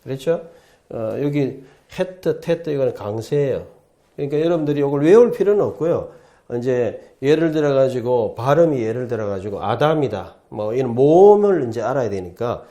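A man's voice: medium pitch, lively intonation, normal speed, mellow. A man who teaches as a professor, giving a chatty, repetitive lecture at a writing board in a studio. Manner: chatty, repetitive, often starts with "자" and "예". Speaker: Hebrew professor teaching the alphabet. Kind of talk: casual classroom lecture.

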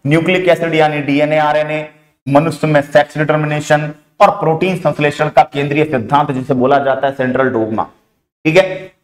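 A male exam coaching teacher with a Rajasthani Hindi accent, briskly running through syllabus topics with frequent "theek hai" fillers and calling students "beta". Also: fairly high pitch. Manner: addresses students familiarly as "beta". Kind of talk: online exam coaching lecture. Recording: echoey room.

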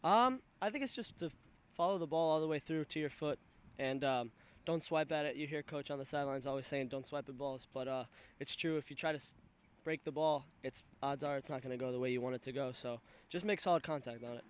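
A man's voice: mid-range voice, a little fast, clear, resonant tone. A man in his twenties, a college soccer player from Pennsylvania, giving casual postgame answers with many fillers, outdoors on a field at night into a handheld mic. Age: 20s. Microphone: handheld mic held by interviewer.

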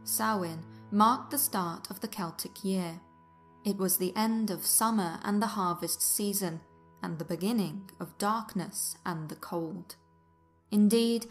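A woman narrates a history documentary from a script. Her voice sits at a middle pitch, and her delivery is formal, carefully articulated and measured. Music plays behind her. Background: music under the voice.

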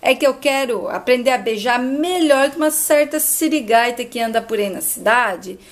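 A woman voicing a loud, bossy salon owner who scolds her clients. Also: a little high, expressive, normal speed, natural voice. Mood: brassy. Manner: loud, scolding, calling everyone "bem".

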